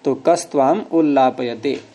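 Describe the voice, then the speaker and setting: A man leads a grammar class, patiently explaining the rules, quizzing students, and gently teasing them. He speaks at medium pitch and a measured pace.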